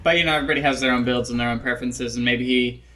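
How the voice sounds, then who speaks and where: A man's voice: medium pitch, steady tone, racing, bright, forceful tone, a little hiss or hum. A young man giving casual, self-critical commentary over his own match footage, rambling with lots of ums and likes, drowsy and yawning. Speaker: gameplay analyst.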